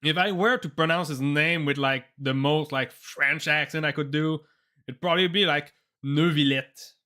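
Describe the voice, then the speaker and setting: Streamer décontracté à voix brillante. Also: male voice, fairly high pitch, moderate pace, sharp tone. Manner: rambling, musing aloud with many "like"s. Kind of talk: casual live commentary.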